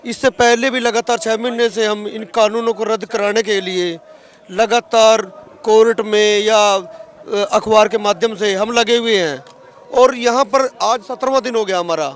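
In a street interview at a roadside protest camp, a protesting farmer in his thirties from Haryana, India, argues emphatically in a Haryanvi accent about politics with real passion. His voice is high and unhurried with fairly even intonation, recorded outdoors on a handheld interview mic.

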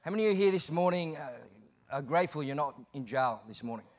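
Speaking quickly and expressively in a rather high voice, this Australian man in his thirties delivers a guest sermon on a church stage. He begins in an easygoing, chatty way and builds to forceful preaching, picked up by the pulpit mic.

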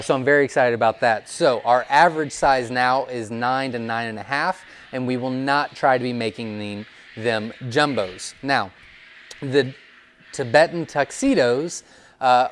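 Young male breeder, casual explainer, mid-pitched, lots of fillers, lapel mic indoors with faint hiss. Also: a little slow. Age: young adult. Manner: relaxed, explanatory, many fillers. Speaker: quail breeder. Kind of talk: informal teaching video. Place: indoors, seated before a wooden wall. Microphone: clip-on lapel mic.

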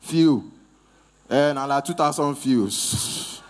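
A man's voice: mid-range voice, takes it slowly, a little hiss or hum. A man with a Nigerian Pidgin accent doing live stand-up crowd work at an event, teasing audience members playfully. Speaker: comedian host at an event.

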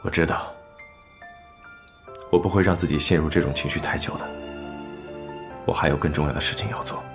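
A young actor playing a calm, reserved young nobleman who speaks in a steady, measured way in a period TV drama. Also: very deep voice, music in the background. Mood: subdued. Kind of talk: dubbed TV drama dialogue.

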